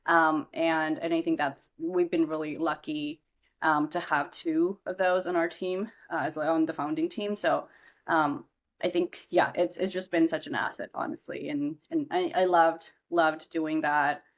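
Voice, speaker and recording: Here the same kind of guest, a young woman from India who founded a startup, speaks low and a little slowly with fairly even intonation. Chatty and casual, she recounts her story in the podcast interview with plenty of fillers and restarts.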